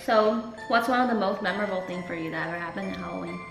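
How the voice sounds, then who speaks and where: A woman's voice: on the low side, very fast, gravelly. A young adult woman co-hosting a show, chatting informally and musing aloud in a conversational way. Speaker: co-host of a food show. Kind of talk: casual chat. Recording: echoey room, prominent music, clinking cutlery.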